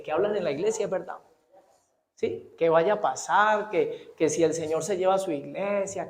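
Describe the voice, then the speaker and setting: Fast-talking pastor, high voice. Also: male voice. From Colombia. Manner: animated, asks the congregation frequent rhetorical questions; fast-talking, trips over his words. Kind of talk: sermon. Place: church. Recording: echoey church hall.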